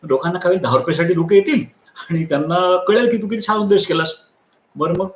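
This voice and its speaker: A man's voice: high voice, quick pace, reverberant. A man giving a live motivational lecture, telling stories, acting out the people in them and repeating key lines for emphasis. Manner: animated storyteller who acts out quoted people. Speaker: motivational speaker and trainer.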